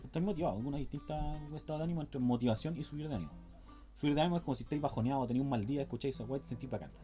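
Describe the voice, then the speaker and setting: A man's voice: mid-range voice, very fast, dark tone, faint music behind. A young man with a Chilean accent, chatting casually and explaining things at length with plenty of slang. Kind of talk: casual chat.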